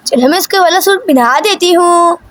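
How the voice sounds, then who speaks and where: A woman's voice: very high voice, normal speed, fairly bright tone. A woman voicing a scolding cartoon mom. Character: scolding village mother.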